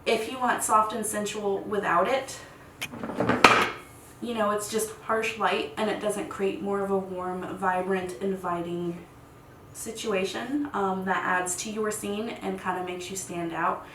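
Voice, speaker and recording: A woman in her thirties giving a casual, rambling tutorial at home, chatty and quick to laugh. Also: medium pitch, fairly even intonation. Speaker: content creator teaching lighting. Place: home room set. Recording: echoey room, distant mic, faint hiss.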